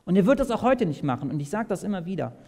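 A man preaches a sermon in a slightly high voice, putting questions straight to his listeners. He moves between raised, urgent passages and quiet ones. His voice rings with the long reverb of a large hall. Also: sing-song, very fast, gravelly. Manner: asks the audience direct questions, swings between loud and soft. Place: large hall at a camp meeting.

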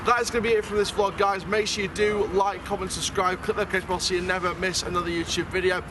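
Outdoors at night, amid blaring music and crowd noise, a young theme park vlogger casually reviews a Halloween event and interviews people in an upbeat, talkative way. He speaks quickly in a high voice with little pitch movement.

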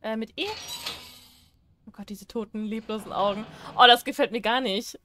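High-voiced woman doing let's play chatter. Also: steady tone, moderate pace, pushed and bright. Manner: chatty, teasing, reads prompts aloud, laughs often. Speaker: gaming YouTuber.

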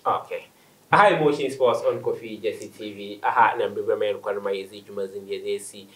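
Lowish-voiced Ghanaian male host. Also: fairly even intonation, brisk, a bit bright, low-quality recording. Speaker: sports show host. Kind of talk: conversational studio interview hosting. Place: small indoor studio. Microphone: studio microphone on table stand.

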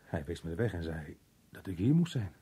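An actor playing a muddled, evasive working man in an old radio drama, halting and puzzled, with a rough, husky voice. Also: deep voice, big pitch swings, mellow, heavily acted. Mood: puzzled, defensive. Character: muddled, evasive working-class man, slow to grasp questions.

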